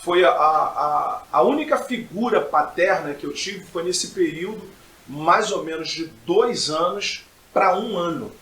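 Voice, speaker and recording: A middle-aged Brazilian pastor and preacher, appearing as a podcast guest, gives personal testimony in a fairly high, bright, forceful voice. He speaks expressively and a little slowly, emphatically repeating phrases for effect, in a roomy-sounding space.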